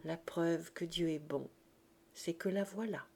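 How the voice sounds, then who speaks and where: A woman reading the part of a dying old man, gentle and resigned, speaking softly and slowly. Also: medium pitch, lightly acted. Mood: tender, resigned. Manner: soft, hushed, slow.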